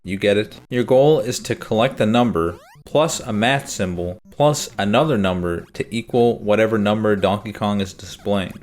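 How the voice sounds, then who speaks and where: Deadpan man reviewing games. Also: fairly low pitch, normal speed, hardly any pauses. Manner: deadpan, sarcastic. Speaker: game reviewer. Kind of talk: comedic game review narration.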